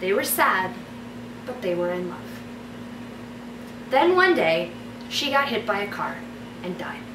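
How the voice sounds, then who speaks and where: This vlogger's medium-pitched voice is sing-song and unhurried, with long pauses as she tells casual, playful stories to camera. The sound is roomy and distant, with noise behind her.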